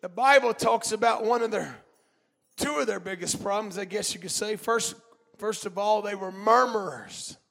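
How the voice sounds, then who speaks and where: A man preaching a sermon in a church, fervent and shouting in bursts, punctuated with amens and hallelujahs. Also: high voice, moderate pace, gravelly.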